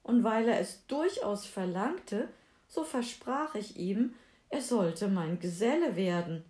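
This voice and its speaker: A woman's voice: medium pitch, expressive, slow, a little mellow. A woman voicing a spoiled young princess in a fairy tale reading, eager and pleading, in a roomy echo. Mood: frightened.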